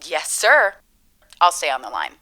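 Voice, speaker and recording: A woman's voice: deep voice, huge pitch swings, measured pace, heavy background noise, exaggerated voice. A woman playing an unflappable, chipper customer service agent with scripted politeness in a comedy. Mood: helpful, matter-of-fact. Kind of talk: comedy dialogue.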